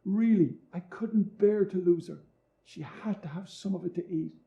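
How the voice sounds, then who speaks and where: A man's voice: high-pitched, moderate pace, gravelly, lo-fi sound, pitched above the performer's own voice. A man voicing a frightened husband who begs for mercy in a raised, flustered voice. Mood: pleading.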